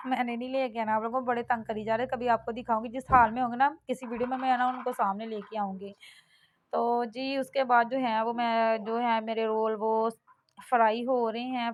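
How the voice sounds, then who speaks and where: A woman's voice: on the high side, lo-fi sound. A middle-aged woman from Pakistan, talking casually and rambling through a home cooking vlog. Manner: chatty and rambling, with frequent fillers and laughs at herself. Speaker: vlogger.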